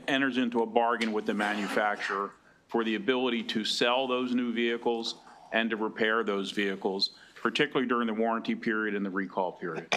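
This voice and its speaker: A man testifying formally as a lobbyist at a legislative hearing, making a measured argument point by point. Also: on the low side, a bit bright. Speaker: trade association lobbyist testifying.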